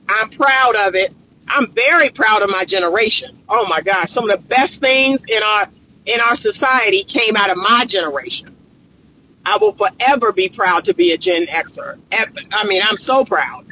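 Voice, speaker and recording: A woman's voice: mid-range voice, expressive, normal speed, sharp tone, a little hiss or hum, rough recording. A woman in her fifties, a relationship coach and counselor, giving an emphatic vlog talk from her car and repeating phrases for stress. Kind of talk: casual talking-head vlog. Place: inside a parked car. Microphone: phone camera on the dashboard.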